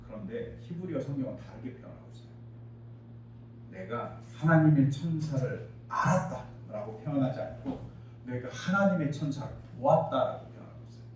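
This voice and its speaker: A man's voice: a little high, dark tone, slight background noise. A pastor preaching a Bible sermon. He explains the scripture and acts out its quoted lines with rising emphasis. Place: church sanctuary. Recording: distant roomy church recording, dull sound.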